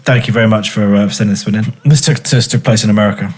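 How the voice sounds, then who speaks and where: A man's voice: lowish voice, fast. A man co-hosting a podcast, reading listener stories aloud and laughing as he goes. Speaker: podcast co-host.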